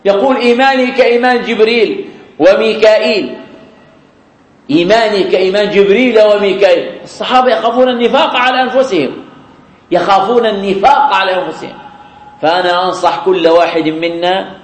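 Male preacher, high-ish voice, slow emphatic repetition, roomy mosque sound. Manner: repeats key phrases, slow drawn-out quoting. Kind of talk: sermon. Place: mosque after prayer. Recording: echoey prayer hall.

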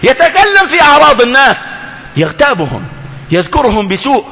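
A man preaching a sermon, swinging between loud cries and hushed low lines. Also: huge pitch swings, brisk, vocal fry. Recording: long hall reverb.

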